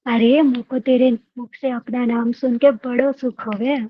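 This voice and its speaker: A woman's voice: a little high, fairly even intonation, unhurried, dry recording, highs cut off. A woman voicing a deity who speaks through a possessed older male priest, coaxing and tender, repeating his questions.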